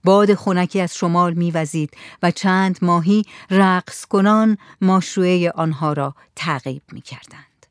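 An audiobook narrator reads a story in a steady, measured way. The voice sits at a middle pitch and sounds close and dry, with no room echo. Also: clear, resonant tone. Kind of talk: scripted narration.

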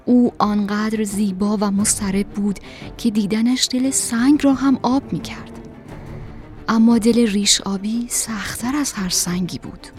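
A woman's voice: medium pitch, a little mellow, soft background music. A woman narrating a storybook expressively, at times dropping to a whisper.

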